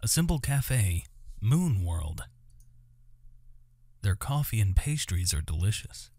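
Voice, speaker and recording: Slow yet very animated, a man with a lowish, mellow voice reads a visual novel aloud for his gaming video, with no room sound audible. He interjects comments and trips over some names and words as guitar game music plays under him.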